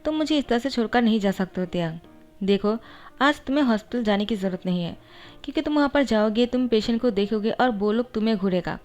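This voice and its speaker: A woman's voice: on the high side, lively intonation, fast, darkish tone, lightly acted. A woman reading a playful teasing young bully man, storybook voice, faint music behind.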